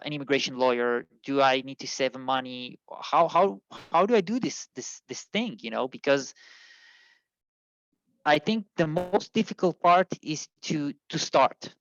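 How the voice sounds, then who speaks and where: An Israeli immigration consultant answers interview questions haltingly, full of fillers and restarts. His voice is mid-range and fairly bright, and the audio is dull but without echo.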